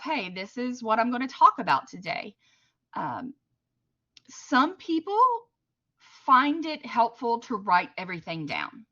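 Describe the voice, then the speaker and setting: A woman with a Southern US accent giving a chatty, unhurried webinar presentation, with many fillers. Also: mid-range voice, bright, forceful tone, highs cut off. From American South. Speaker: library trainer. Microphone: computer mic at a desk.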